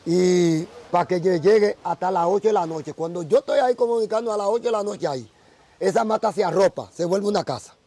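A man with a Dominican accent speaks earnestly, telling stories as a Vodou priest. His voice sits high and mellow. He is interviewed outdoors beside a tree. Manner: earnest storytelling. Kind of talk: casual interview.

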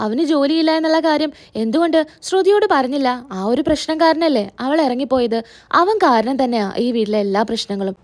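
A woman doing a sharp scolding relative. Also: high-pitched, lively intonation, quick pace. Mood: accusing. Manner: scolding, accusing.

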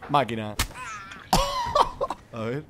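A man hosting a gaming video, shouting and squealing in frantic co-op play. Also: a little high, heavy background noise. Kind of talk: excited co-op gameplay chat.

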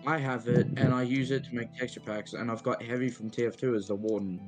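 A young man in a gaming voice chat, making loud, provocative jokes. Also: medium pitch, fairly even intonation, fast. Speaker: stream guest. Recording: voice chat with faint music.

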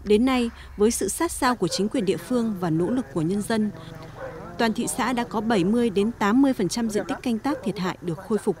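A woman reading a scripted news voice-over in a steady, formal manner. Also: mid-range voice, fast talker. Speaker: news narrator.

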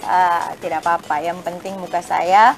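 A woman's voice: fairly low pitch, little pitch movement, moderate pace, creaky, slight background noise. A woman hosting a casual live-stream chat, greeting viewers by name between frequent hesitant fillers. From Bajau community of Indonesia.

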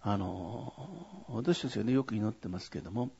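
A male pastor preaches in a church, chatting through his sermon with frequent asides and then pressing points home loudly. His voice is husky and gravelly, with a creaky edge. The recording is dull and lo-fi. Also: fairly low pitch, expressive, moderate pace. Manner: conversational preaching, frequent 'ne' tags, rising to loud emphasis.

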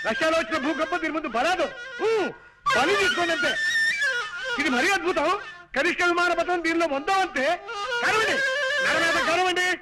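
A man's voice: extremely high pitch, poor audio. An actor playing a cheeky young male suitor who mocks and teases, cracking jokes and scheming to win his bride. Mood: mocking. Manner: mocking, quick-witted.

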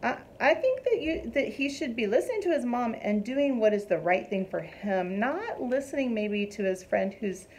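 A middle-aged woman teacher reading a picture book aloud to her class, lively and asking the children questions. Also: on the high side, normal speed, few pauses, a little hiss or hum.

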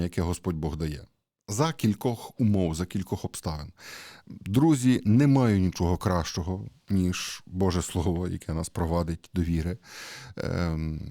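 A man giving a conversational sermon, asking rhetorical questions and pausing with hesitations. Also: low voice, warm tone, no room sound, studio quality. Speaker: priest.

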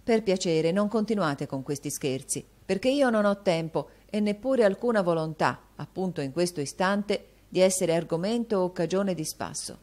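A woman's voice: lowish voice, animated, normal speed, few pauses, a little mellow, close to an everyday voice. Woman doing an earnest young tutor. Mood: earnest, indignant. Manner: impassioned, insistent pleading. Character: earnest young male tutor, flustered and indignant.

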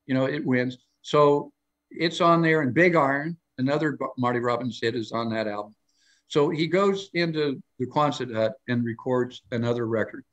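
A man's voice: mid-range voice, normal speed, fairly bright tone, dull audio. An older man telling long, rambling stories as a guest on a live talk show, often restarting phrases and raising his voice to act out quoted lines. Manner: rambling anecdotal storytelling with many restarts; acts out quoted lines in a raised voice. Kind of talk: casual live interview chat.

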